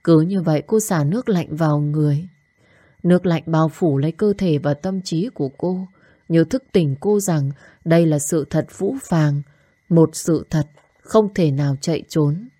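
A woman narrating a storybook in a calm, measured way. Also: sits low, slightly rough, no echo.

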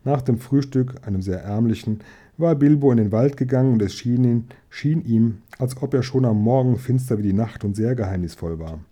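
A man narrates a storybook in a calm, steady reading. His voice is very dark and mellow. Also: medium pitch, fairly quick. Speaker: audiobook reader.

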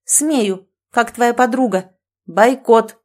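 A woman's voice: on the high side, expressive, moderate pace, a little mellow. A woman voicing a domineering, self-certain female friend who lectures and commands in a sarcastic tone, in an audiobook. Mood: angry. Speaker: language teacher.

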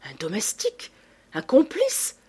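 A woman voicing an agitated young male amateur sleuth in a storybook reading, urgent and excitable in his questioning. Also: on the high side, a little slow, husky, exaggerated voice. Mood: desperate.

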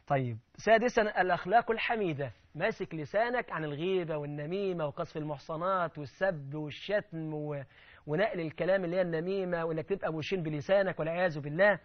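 A man preaching in Egyptian colloquial Arabic, fervent and quick, acting out the voices he quotes with sudden loud bursts. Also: a little high, lo-fi sound.

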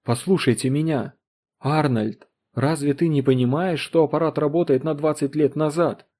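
A man voicing a distraught, grieving middle-aged woman in an audiobook reading, pleading and climbing into shrill cries. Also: fairly even intonation, normal speed, warm tone, natural voice. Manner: pleading, rising to shrill screams.

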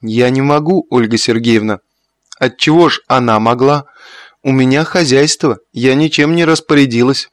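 A man voicing a polite, reserved young woman in an audiobook, his tone gentle and courteous. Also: medium pitch, normal speed, dry recording, lightly acted.

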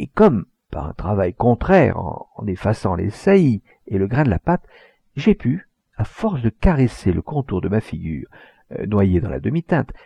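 A man voicing an obsessive, proud, volatile old master painter, husky and emphatic, in a storybook reading. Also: mid-range voice, dry recording, exaggerated voice. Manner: impassioned, emphatic, with hesitations. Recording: dull lo-fi recording.

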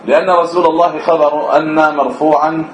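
A man's voice: on the high side, little pitch movement, brisk, a little hiss or hum. Man teaching in an echoey room. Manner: sings out short examples, asks students questions. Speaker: religious teacher. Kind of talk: classroom lesson on the call to prayer. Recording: echoey room, slightly dull sound.

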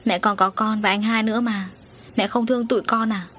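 A woman's voice: mid-range voice, fairly even intonation, fairly quick, a little hiss or hum, close to an everyday voice. Audiobook: tender young daughter, consoling, woman reader doing the voice. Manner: soft consoling tone. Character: grieving young daughter, gentle and comforting.

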